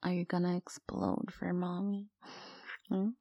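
A woman in a whispered intimate audio roleplay, talking slowly in a soft cooing manner close to the microphone. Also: on the low side, completely flat delivery, creaky, no echo, lo-fi sound. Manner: slow, cooing, mostly whispered.

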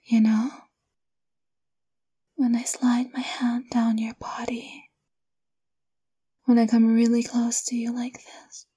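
A young woman breathes her words in a husky, slow whisper, soft and close. Her tone is intimate and coaxing, with a mellow, dark color and little rise or fall. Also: a little high, flat delivery. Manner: intimate, coaxing girlfriend address. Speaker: ASMR roleplay performer. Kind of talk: whispered ASMR roleplay.

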